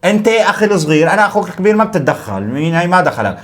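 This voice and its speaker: Fast-talking man hosting a vlog. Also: high voice, very animated. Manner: bossy, teasing older-brother banter. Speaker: vlog host setting up a prank. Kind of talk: casual prank vlog chat.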